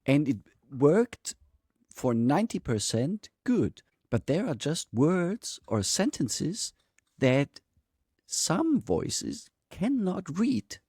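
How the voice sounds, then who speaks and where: A man co-hosting a podcast, telling a story in animated casual chat. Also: fairly high pitch, slow pace, breathy edge, dry recording, clean studio sound. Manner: animated, anecdotal. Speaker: podcast co-host.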